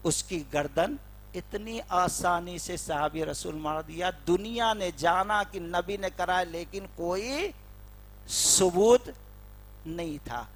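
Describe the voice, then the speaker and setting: A man with a high, bright voice delivers a mosque sermon as a dramatic story. He acts out the dialogue between characters and climbs to loud, emphatic peaks. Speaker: preacher.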